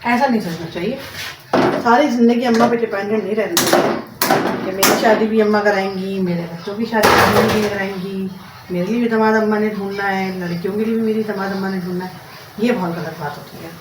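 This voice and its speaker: A woman's voice: mid-range voice, fairly even intonation, brisk. A woman chatting and rambling in a casual home vlog while she cooks, tossing in English words. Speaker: home vlogger. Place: home, cooking in the kitchen. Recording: roomy, distant mic with noisy background.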